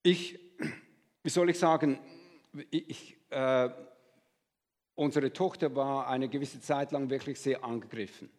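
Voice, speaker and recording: A man's voice: medium pitch, fairly even intonation, measured pace, pauses often, a little mellow, in a large hall. A man preaching a sermon as pastor, speaking in an earnest, conversational way and addressing listeners directly.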